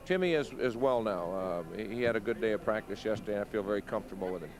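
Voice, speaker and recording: A man, a basketball head coach, giving plain, measured pregame interview answers with frequent ums. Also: lowish voice.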